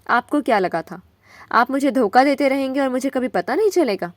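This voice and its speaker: A woman voicing a young wife who accuses her husband through tears, loud and upset. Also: high voice, expressive, no room sound. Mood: tearful anger. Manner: tearful and shouting.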